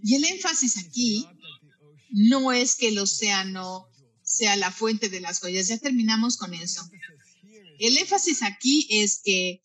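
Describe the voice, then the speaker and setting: Buddhist teacher, bright tone, halting phrasing with frequent restarts, talks straight to the room. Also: medium pitch, animated, poor audio. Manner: halting, often repeats and restarts words mid-phrase; addresses listeners directly with questions and asides. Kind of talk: spoken teaching on Buddhist practice.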